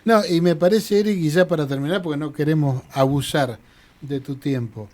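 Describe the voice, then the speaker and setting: A man's voice: on the high side, moderate pace, a little mellow. Courteous male interview host. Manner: courteous and effusive in thanks. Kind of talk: interview hosting.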